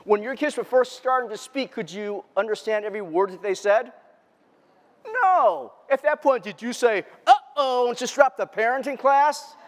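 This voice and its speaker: High-voiced man giving a jokey keynote. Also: moderate pace. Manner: lively, jokey, quizzes the audience. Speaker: keynote speaker. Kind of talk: humorous keynote talk. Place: large lecture hall before an audience. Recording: long reverb of a large hall.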